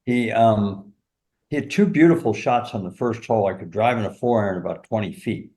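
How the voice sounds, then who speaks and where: An older man, a golf teacher and former caddie, telling animated stories in an interview and chuckling along. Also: fairly low pitch, brisk. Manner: animated, laughs through stories, many "you know"s. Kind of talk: anecdotal storytelling in an interview.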